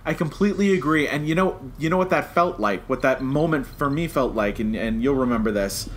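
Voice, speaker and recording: Reviewing as a fan, a man co-hosting a podcast talks in a lively, casual way and acts out reactions as he goes. His voice is medium-pitched and fairly quick, and background noise comes through clearly.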